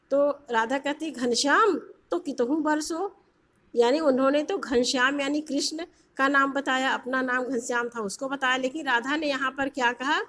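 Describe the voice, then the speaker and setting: A woman teacher explaining a lesson, posing questions to her students and pausing with fillers. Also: high voice, a bit bright.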